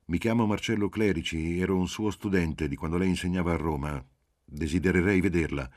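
A man's voice: very deep voice, expressive, normal speed, darkish tone, dry recording, clean studio sound. A man voicing a polite, reserved young former student speaking on the phone in an audiobook.

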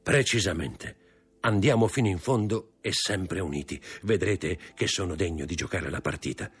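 A man voicing a grave, nervous older male impostor in an audiobook, with a husky voice. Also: low voice, normal speed. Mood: formal. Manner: grave, stiff, formal.

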